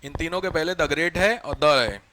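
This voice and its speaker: A man teaching a class, quizzing his students with quick questions and answering them himself. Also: on the high side, pushed and bright, a little hiss or hum. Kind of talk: classroom lecture.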